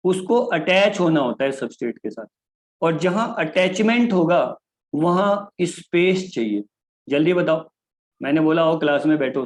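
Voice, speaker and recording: A man giving a chemistry lecture, often calling his students "kids" and switching between Hindi and English. He slows down deliberately to spell out key phrases. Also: on the high side, a little mellow, poor audio. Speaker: chemistry teacher. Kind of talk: classroom lecture.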